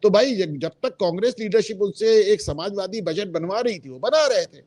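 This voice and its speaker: Man, political talk guest, emphatic, opinionated, higher-pitched, dry close sound. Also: expressive, moderate pace, a little mellow, no room sound. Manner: emphatic, opinionated, mixes in English phrases. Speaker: guest commentator. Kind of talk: political discussion.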